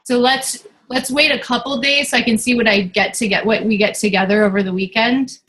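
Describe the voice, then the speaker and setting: Woman coach chatting thru a team call, kinda high voice, lots of ums and restarts. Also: steady tone, a little fast, a bit bright, low-quality recording. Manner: chatty, loose, many fillers and restarts. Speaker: team coach leading a meeting. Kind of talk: casual team meeting talk.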